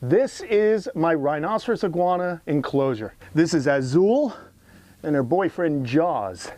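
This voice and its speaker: A man's voice: on the high side, expressive, measured pace, a little mellow, no room sound. A man presenting an educational animal tour outdoors in a casual, emphatic, admiring way, as an enthusiastic host and keeper. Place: outdoors among animal enclosures.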